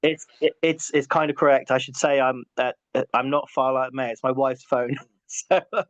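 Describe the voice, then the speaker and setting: The voice is mid-range, steady in tone and at a moderate pace, captured in dry, muffled lo-fi audio with no room sound. He's a middle-aged Englishman guesting on a casual interview, hesitating, restarting and repeating words often.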